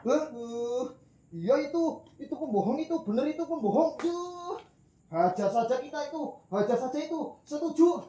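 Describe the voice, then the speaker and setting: A man doing a jeering high-voiced villager. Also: expressive, moderate pace, dark tone, a little hiss or hum. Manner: jeering, accusing. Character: angry villager mob member. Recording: roomy echo.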